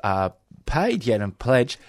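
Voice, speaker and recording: A man co-hosting a community radio show, his voice husky from a winter cold, talking hesitantly with many fillers. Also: mid-range voice, very animated, takes it slowly, no echo. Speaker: radio co-host. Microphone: studio microphone.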